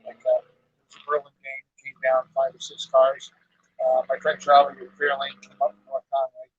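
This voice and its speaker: Speaking at a normal speed in a monotone, mid-range voice with a breathy edge, a middle-aged man chats in a folksy way outdoors at an evening car show. He runs a garage and leads a car club, and this casual interview comes through as dull lo-fi live stream audio.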